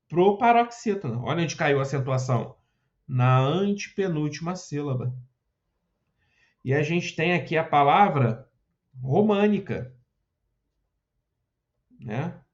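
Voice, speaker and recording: Going through exam questions, a male teacher explains Portuguese grammar step by step and keeps asking brief check-in questions. His voice is on the high side, and the recording has its highs cut off.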